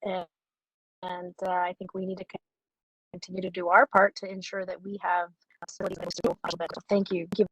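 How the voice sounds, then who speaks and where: A woman council member calling into a public meeting over a bad, breaking-up phone line, giving halting, choppy remarks of thanks. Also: lowish voice, completely flat delivery, a bit bright, slightly rough, dry recording. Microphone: call-in over a bad connection.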